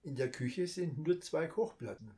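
A man's voice: on the high side, animated, moderate pace, mellow, voice pushed up, lightly acted. A man doing a practical family father. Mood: puzzled.

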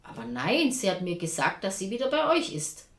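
A woman's voice: mid-range voice, very animated, moderate pace, natural voice. A woman voicing a guilty, awkward middle-aged son who speaks uneasily. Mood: uneasy. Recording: roomy echo.

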